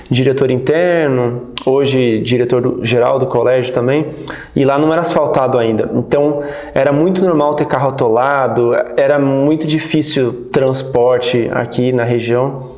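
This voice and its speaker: A man in his thirties, born in the United States, recalling his childhood as a guest in a relaxed, rambling interview. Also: medium pitch. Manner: relaxed, rambling, many restarts. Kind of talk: casual interview storytelling. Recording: roomy echo.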